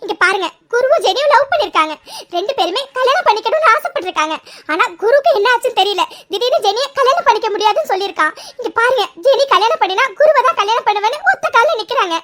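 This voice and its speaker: A woman's voice: very high voice, expressive, fast, a bit bright. A woman voicing a tearful mother who pleads and stammers as she begs another family to accept her daughter's marriage. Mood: pleading.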